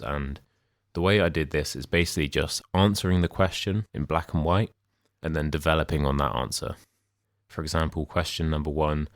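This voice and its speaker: Very deep-voiced young British man, tutoring. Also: no echo, clean studio sound. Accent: modern British. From United Kingdom. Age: young adult. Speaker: English speaking tutor. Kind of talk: explanatory language lesson with sample exam answers.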